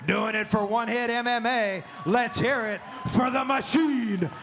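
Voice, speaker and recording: A man with a high-pitched voice works as a booming fight announcer, hyping the crowd at a live event. There is faint noise behind him from the venue. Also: measured pace, fairly bright tone. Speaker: ring announcer.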